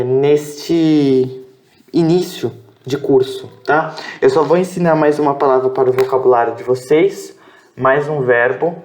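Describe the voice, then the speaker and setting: Slow, patient Brazilian man teaching. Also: on the high side, darkish tone. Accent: Brazilian Portuguese. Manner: spells out sounds and syllables, corrects himself aloud. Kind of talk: classroom lesson at a whiteboard. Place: improvised room with background noise.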